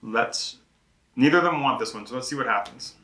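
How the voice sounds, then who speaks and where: A host from a board game publisher teaches the rules of a card game during live play at an indoor game table, chatting and poking fun at his own moves. His medium-pitched voice is animated, fairly quick and a bit bright, in an echoey room.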